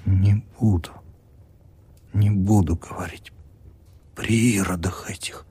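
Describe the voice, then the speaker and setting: A man voicing a feverish, weak and wary sick peasant woman in a faint, breathy whisper. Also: low-pitched, steady tone, slow, warm tone, exaggerated voice.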